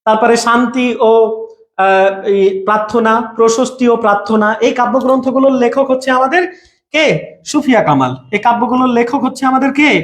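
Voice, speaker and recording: A man's voice: very high-pitched, reverberant. A man, teaching an exam-prep class online and repeating each point for his students.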